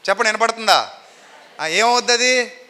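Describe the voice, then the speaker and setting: A male pastor preaching a sermon, animated and constantly questioning his congregation so they call answers back. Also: very high voice, normal speed. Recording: long hall reverb.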